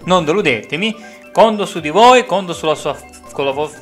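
A man giving live commentary over his racing game as a streamer, swinging from low mutters to frustrated yells. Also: normal speed, soft background music. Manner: excitable, swings from mutters to yelling. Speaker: gaming streamer.

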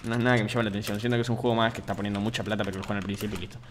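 A young man with an Argentine accent, streaming a shooter game and chatting casually with viewers, prone to loud excited outbursts. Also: on the low side, racing, noisy background. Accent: Argentine Spanish. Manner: chatty, reads viewer messages, bursts into excited yelling. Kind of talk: casual gaming stream commentary.

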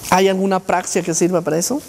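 A man's voice: high-pitched, little pitch movement, fast talker, creaky, slight background noise. A man, a speech therapist, lecturing to students, questioning the audience and sounding out speech sounds as examples. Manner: quizzes the audience and demonstrates speech sounds aloud. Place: university lecture hall. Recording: reverberant lecture hall.

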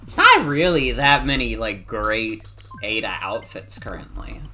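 A game streamer chatting casually and commenting live in an animated, exclamatory way, with some swearing. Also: medium pitch, unhurried, faint music behind.

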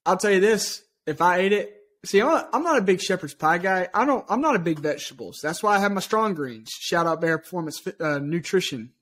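A man's voice: high-pitched, lively intonation, a little fast, a bit bright. A man co-hosting a podcast in casual chat, joking and teasing the others. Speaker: podcast co-host.

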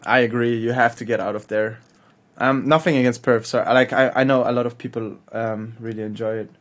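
A man's voice: mid-range voice, fairly even intonation, fairly quick. A man from Hamburg speaks, a chef in his thirties recounting his travels on a podcast. He talks in loose, slangy bursts, laughs through his stories, and swears without a second thought. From Hamburg, Germany. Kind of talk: casual storytelling.

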